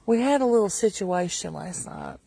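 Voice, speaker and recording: A woman chatting casually for a homestead vlog outdoors, halting and thinking aloud as she works. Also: lowish voice, wildly swooping pitch, vocal fry, mellow, husky. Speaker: homestead vlogger and mother. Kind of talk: casual farm vlog chat. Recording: outdoor farm noise behind voice.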